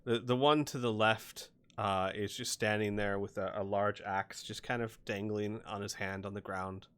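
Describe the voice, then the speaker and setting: A man narrating a tabletop game as game master, improvising with halting, suspenseful pauses. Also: lowish voice, fairly even intonation, fairly bright tone, smooth.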